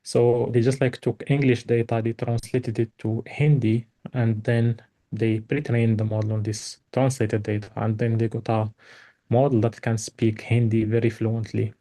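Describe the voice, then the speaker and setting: A man presents an invited academic talk with slides, speaking at a normal speed in a medium-pitched, warm but flat voice. He is Moroccan with Tarifit as his first language, and he often restarts and fills pauses, especially with "like."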